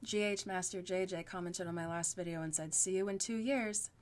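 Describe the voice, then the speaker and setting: A young woman with a slightly low voice talks straight to her viewers in an unscripted vlog. She rambles, stops and restarts with fillers, and laughs at herself as she goes. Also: steady tone, a little fast. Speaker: YouTuber.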